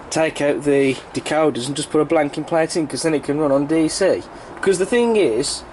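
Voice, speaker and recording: A British man who reviews model railways as a hobby speaks to camera in a casual, rambling, explanatory way. A cold and sore throat leave his voice croaky and congested, a little high with a darkish tone. There's a slight hiss or hum on the recording.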